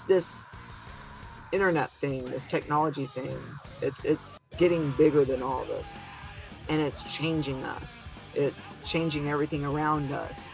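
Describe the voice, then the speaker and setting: A man's voice: fairly high pitch, poor audio. A man in his thirties rambling reflectively to a camera in a vlog monologue. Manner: reflective, musing. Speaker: vlogger. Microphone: camera mic.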